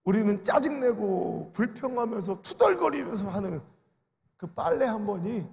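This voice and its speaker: A man's voice: high-pitched, expressive, moderate pace, vocal fry, a little mellow. A man preaching an emotional revival sermon as a pastor, telling stories and acting out the voices of grieving people. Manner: storytelling, acts out quoted voices with sobbing cries. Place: large prayer retreat sanctuary. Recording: reverberant large worship hall.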